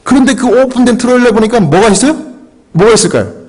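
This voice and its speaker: A middle-aged man, a pastor, telling a story in a sermon, acting out his own prayers and shouts on his English lines. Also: very high-pitched, animated, fast, husky.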